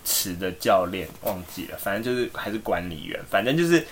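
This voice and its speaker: A man's voice: on the low side, brisk. A man, co-hosting a podcast and telling a rambling story with lots of fillers. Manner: animated, rambling, many fillers. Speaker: podcast co-host. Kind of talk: casual storytelling.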